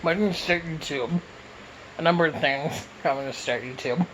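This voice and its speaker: A man's voice: fairly high pitch, normal speed, fairly bright tone, a little hiss or hum, poor audio. A man from Canada answering questions in a casual mukbang Q and A, talking with his mouth full as he eats, recorded on a phone. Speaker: YouTuber answering viewer questions.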